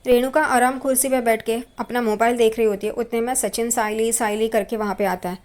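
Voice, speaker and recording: A woman's voice: a little high, fairly even intonation, fairly quick, darkish tone. A woman casually retelling a TV serial episode and commenting on the characters as she goes. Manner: chatty, judges the characters as she tells. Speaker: TV serial recap narrator. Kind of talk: casual storytelling recap with comments.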